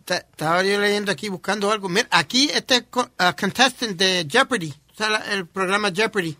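High, bright-voiced male co-host. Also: dry recording. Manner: hurried, trips over words, mixes in English. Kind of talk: casual chat, recounting a news item.

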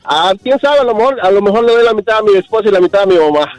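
A man's voice: high voice, animated, racing, low-quality recording. A man calling in to a radio quiz, giving short, plain answers. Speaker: caller. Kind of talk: phone-in quiz contestant.

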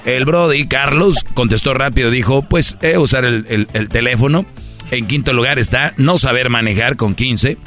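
A man's voice: mid-range voice, fairly bright tone, faint music behind. A man with a Mexican accent hosting a comedy game show, mocking contestants as he reads the answers. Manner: mocking, brisk. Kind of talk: reading out game results.

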